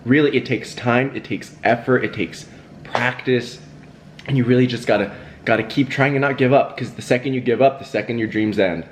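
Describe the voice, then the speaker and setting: A man's voice: medium pitch, normal speed, a little hiss or hum. Chatty young man rambling mid-meal. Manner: chatty and rambling, with fillers, laughs and self-talk. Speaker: YouTuber hosting a mukbang. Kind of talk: casual talk to camera while eating.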